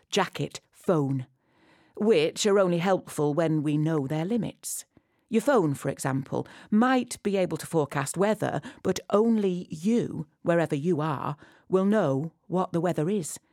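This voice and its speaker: A woman giving a poetic, scripted guided narration, intimate and close as if right in the listener's ear, measured and addressing the listener directly. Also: on the low side, a little mellow, no echo. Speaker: audio walk guide.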